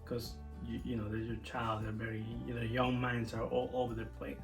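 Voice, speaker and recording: A man's voice: mid-range voice, little pitch movement, a little fast, music in the background, poor audio. A young man from Venezuela talking casually to camera about parenting, earnest and reflective, often restarting his sentences. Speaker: co-host of a family channel.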